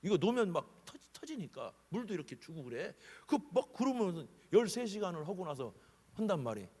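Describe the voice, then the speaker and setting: A middle-aged man delivers a revival sermon in a husky, slightly high voice. His pitch swings widely as he preaches and acts out quoted voices. The long reverb of a church sanctuary hangs behind every phrase. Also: very animated, fairly quick, darkish tone. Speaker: guest preacher.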